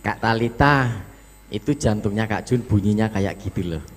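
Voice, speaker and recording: A man judging a children's storytelling contest, giving animated, affectionate feedback and acting out lines to show how they should sound. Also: lowish voice, normal speed. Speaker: competition judge. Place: school storytelling competition venue.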